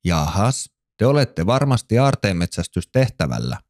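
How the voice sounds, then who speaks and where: A man's voice: fairly low pitch, very animated, darkish tone. A man voicing a kind, friendly mother fox in a children's storybook who quizzes the young heroes. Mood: kindly.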